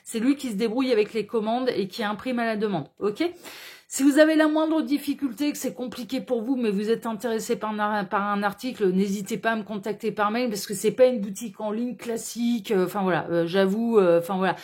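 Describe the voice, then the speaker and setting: A woman's voice: on the high side, brisk, a little mellow. A woman hosting a casual tarot reading to camera, chatty and full of hesitant fillers and tag questions. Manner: chatty, sprinkles "hein, d'accord" tag questions. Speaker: tarot card reader and channel host.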